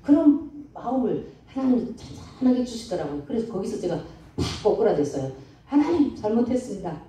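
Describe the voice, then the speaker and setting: Middle-aged woman giving a church testimony, dark mellow voice, echoey hall mic a bit far. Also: medium pitch, brisk. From North Korea. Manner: animated storytelling, acts out her own pleading voice. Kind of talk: emotional testimony at a church revival. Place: church sanctuary.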